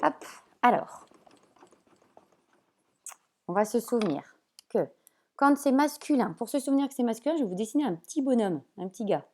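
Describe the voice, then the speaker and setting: A woman teacher explaining spelling sounds at a whiteboard, slow and patient, checking often that her pupils follow. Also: fairly high pitch, expressive, a little mellow. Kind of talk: remote classroom lesson at a whiteboard.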